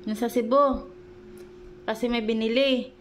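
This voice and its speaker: A young woman talks casually into her phone at home, her voice sitting fairly high. She rambles and searches for words, filling gaps with little pauses, and sounds slightly out of breath. A faint hiss runs under the recording. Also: steady tone. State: pregnant, short of breath. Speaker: vlogger. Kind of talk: casual chat vlog.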